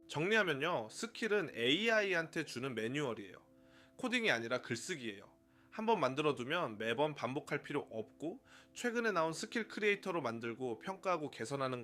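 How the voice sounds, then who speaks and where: Lively man giving an upbeat tutorial. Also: fairly high pitch. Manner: brisk, upbeat, explanatory, counts off numbered points. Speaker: YouTuber running a one-person media channel. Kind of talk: scripted tutorial narration.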